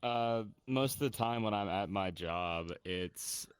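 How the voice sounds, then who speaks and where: Man w a deep smooth voice, steady and matter-of-fact, guest on a chat. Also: slow pace, dry recording. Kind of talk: casual chat.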